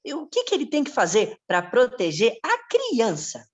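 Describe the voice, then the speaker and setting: A woman's voice: a little high, wildly swooping pitch, normal speed, lo-fi sound. A woman voicing a curious, polite young boy who interviews guests on a children's show. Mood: earnest. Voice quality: childlike, wide-eyed and earnest.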